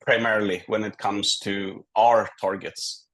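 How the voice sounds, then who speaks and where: A Greek consultant, appearing as a guest on a business interview, speaks conversationally, candidly and in a measured way, setting out his points in order. His voice is fairly low, level in tone and a bit bright.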